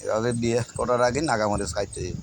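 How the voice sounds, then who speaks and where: A man, chatting gently and coaxing animals in a casual village vlog. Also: lowish voice, steady tone, quick pace, creaky. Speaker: village vlogger. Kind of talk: casual outdoor chat. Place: outdoors in a village. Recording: outdoor recording with loud insect and bird noise.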